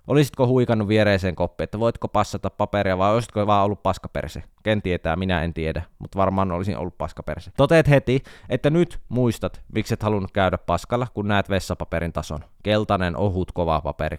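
A man's voice: low voice, clean tone, dry recording, clean studio sound. A man hosting a podcast, telling a self-mocking comic story in a casual monologue. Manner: wry, self-mocking storytelling with animated outbursts. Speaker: podcast host.

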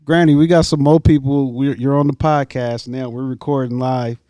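Man podcast host, mellow tone, easygoing and rambling, dry close sound. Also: mid-range voice, fairly even intonation, normal speed, dry recording. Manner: easygoing, laughs often, rambling. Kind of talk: casual podcast chat.

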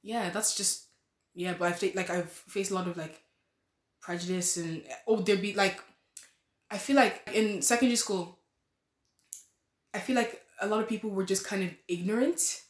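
A woman's voice: medium pitch, normal speed, long pauses. Eighteen-year-old woman in a roomy studio. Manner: rambling, restarts, soft laughs. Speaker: guest, nursing student. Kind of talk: casual interview chat. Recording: roomy echo.

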